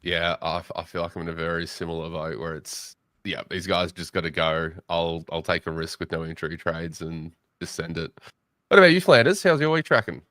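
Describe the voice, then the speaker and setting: A man's voice: low voice, brisk, no room sound. A young Australian man hosting a casual late-night fantasy football chat, joking and bantering with his guests. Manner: joking, banter-heavy, excitable. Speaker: podcast host.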